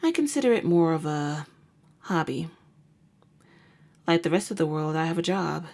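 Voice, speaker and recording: Her voice low, expressive, and somewhat dark, a woman plays a nurse who is also a jaded, sardonic vampire hunter in an ASMR roleplay audio drama. The delivery is wry, slangy, casual, and unhurried.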